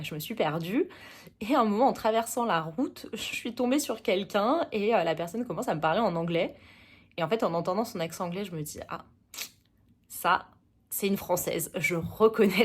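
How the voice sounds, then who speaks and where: A young woman from France calmly telling a personal story to camera, pausing often to think. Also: lowish voice. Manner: calm, thoughtful, with many pauses and "euh"s. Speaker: travel vlogger.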